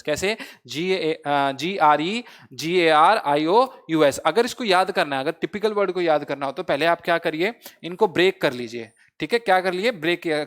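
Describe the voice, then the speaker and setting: A man's voice: on the high side, fairly bright tone, smooth. A male teacher giving an online exam-prep English lesson in Hindi and English, asking and answering his own questions and spelling words out letter by letter. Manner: mixes Hindi explanations with English.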